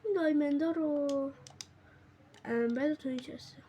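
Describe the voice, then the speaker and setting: Excitable high-voiced young woman gamer. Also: a little hiss or hum. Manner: excitable, jokey, often cries out and laughs. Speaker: gaming streamer. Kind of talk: casual let's-play commentary.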